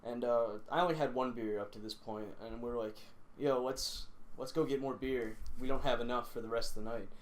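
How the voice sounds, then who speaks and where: A man's voice: mid-range voice, fairly even intonation, fairly quick. A young man hosting a casual podcast, telling rambling stories full of swearing and laughing as he goes. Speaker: podcast host. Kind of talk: casual chat.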